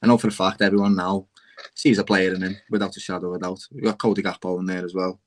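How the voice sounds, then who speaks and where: A fast-talking young panelist with a low voice and a Scouse accent debates football casually but fiercely, speaking up for Liverpool. He's animated and passionate, tossing "lad" at everyone repeatedly.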